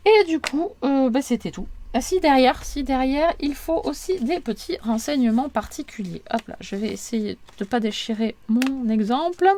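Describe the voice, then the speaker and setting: A woman's voice: high voice, a little mellow, slight background noise. A woman giving an informal, step-by-step craft tutorial, chatty and a little apologetic, often repeating and checking herself.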